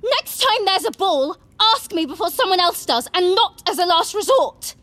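A man voicing an angry, clever teenage schoolgirl, shrill and cutting. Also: sing-song, moderate pace, sharp tone, a little hiss or hum, exaggerated voice. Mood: furious.

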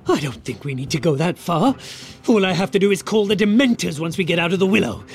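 A man's voice: sits high, animated, faint music behind. A man voicing a cold, menacing male professor who sneers and breaks into shrieks. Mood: gloating. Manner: sneering, slow, erupts into shrieks.

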